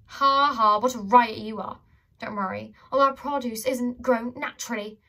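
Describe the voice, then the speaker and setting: A woman voicing a brash young female bodyguard who talks loud and mocking. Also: fairly high pitch, normal speed.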